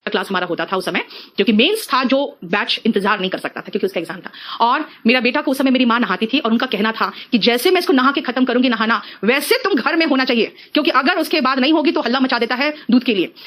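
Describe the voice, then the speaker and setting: A middle-aged woman teaching an exam-prep English lesson, calling her students "beta" and slowing down to spell out example sentences. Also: fairly high pitch, a bit bright. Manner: addresses students as beta, mixes Hindi and English.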